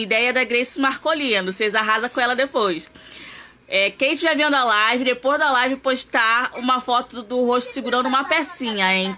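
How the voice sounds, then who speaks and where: A woman's voice: a little high, bright, forceful tone. A woman hosting a casual craft live stream, chatting with viewers and greeting them by name.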